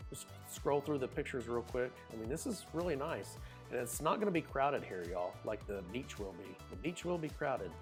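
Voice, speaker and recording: A man with an Oklahoma accent, casually narrating a screen walkthrough in a folksy, chatty way. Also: medium pitch. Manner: folksy, chatty, says y'all. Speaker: cruise vlogger.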